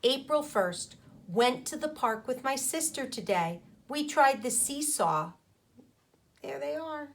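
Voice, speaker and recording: With a high-pitched voice and lively intonation, a woman who teaches elementary school reads a children's book to her class. She takes a didactic approach, pausing to explain and to ask the children questions.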